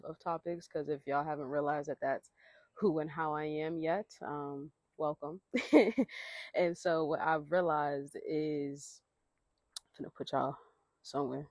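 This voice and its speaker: A podcast host talks off the cuff while sitting outdoors, wandering from thought to thought. The delivery is chatty and slangy, with easy little laughs between points. The pitch sits in a middle range, and the voice comes through dry with no room around it. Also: darkish tone, no room sound. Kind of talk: casual solo podcast talk.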